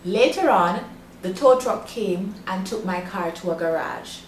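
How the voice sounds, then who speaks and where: A woman's voice: mid-range voice, lively intonation, measured pace. A woman with a Jamaican accent presenting a language lesson as its host. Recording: roomy echo, faint background noise.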